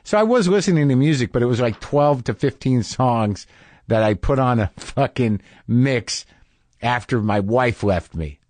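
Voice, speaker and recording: A man's voice: medium pitch, animated, moderate pace, darkish tone. A middle-aged man hosting a podcast, talking casually in a rambling, wry, self-deprecating way. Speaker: podcast host. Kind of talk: casual conversational monologue and interview.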